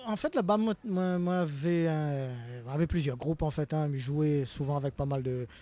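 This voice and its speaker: A man from Réunion with a Réunionnais accent, a musician guest chatting casually in a radio interview, relaxed and rambling. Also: on the high side, normal speed.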